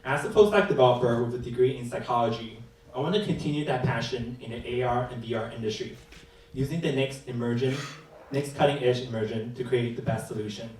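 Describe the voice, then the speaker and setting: A man's voice: medium pitch, fairly quick, darkish tone, a little hiss or hum. A man giving a friendly, lightly joking scripted introduction as a developer. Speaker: presenting developer. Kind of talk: scripted presentation. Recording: echoey hall mic from a distance.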